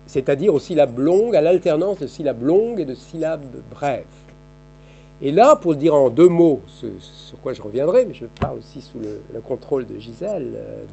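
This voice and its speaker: A man in his fifties, a historian giving an academic seminar lecture in a seminar room, thinking aloud with frequent halting restarts and repeated words. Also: fairly high pitch, vocal fry, dark tone. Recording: dull, lo-fi archive seminar recording.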